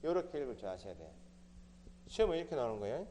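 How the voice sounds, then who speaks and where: A man's voice: medium pitch, big pitch swings, very fast, dark tone, long reverb tail, slight background noise. A man teaching an exam prep lecture, asking the class questions and answering them himself. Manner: quizzing, asks and answers his own questions. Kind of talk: recorded lecture.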